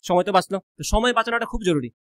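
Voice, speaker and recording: A young man with a colloquial Sylheti-tinged Bengali accent, giving a blunt, rapid-fire orientation lecture as a coaching teacher, mixing in English words. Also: high-pitched, lively intonation, fairly bright tone. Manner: rapid-fire, says he always talks fast.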